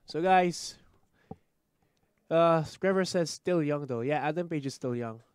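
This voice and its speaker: A young man, co-hosting a casual wrestling chat show with lively banter. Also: a little high, clean tone, dry recording, clean studio sound. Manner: animated, quick back-and-forth banter with bursts of laughter. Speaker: podcast co-host.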